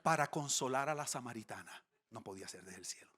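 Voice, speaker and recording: Animated man preaching a comic sermon. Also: medium pitch, fast, husky. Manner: animated, comic storytelling with dips into whispers. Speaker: pastor. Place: church stage before a congregation.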